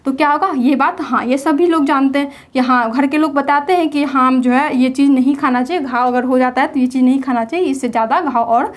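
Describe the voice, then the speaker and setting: A woman's voice: high voice, a little fast, few pauses. A young woman teaching a general knowledge lesson, explaining memory tricks and asking and answering her own questions. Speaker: quiz teacher.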